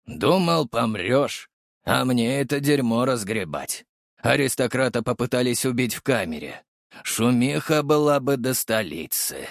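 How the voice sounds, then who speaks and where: A man voicing a gruff, mocking male police captain in an audiobook. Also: medium pitch, expressive, measured pace, dry recording, studio quality.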